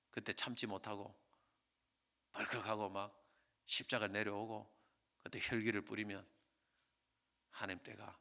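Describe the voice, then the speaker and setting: A man preaching a sermon as pastor, swinging between loud exhortation and quiet pleading. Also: fairly low pitch, gravelly.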